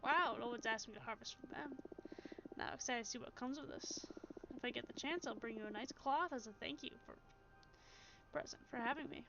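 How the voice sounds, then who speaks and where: A woman voicing a kind, welcoming young female witch in a gentle, reassuring tone over game music. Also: on the high side, brisk, gravelly. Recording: dull lo-fi stream audio with game music.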